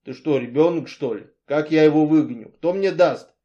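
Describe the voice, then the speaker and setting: Narrator doing a tired exasperated guy, mellow voice, kinda pleading. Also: fairly high pitch, lively intonation, normal speed, highs cut off, natural voice. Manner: muttering, exasperated, coaxing.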